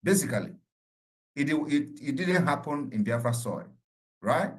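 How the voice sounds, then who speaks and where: A man's voice: mid-range voice, lively intonation, measured pace, poor audio. A man answering questions as a political leader in an online meeting, speaking emphatically with repeated rhetorical phrases. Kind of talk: forceful political address.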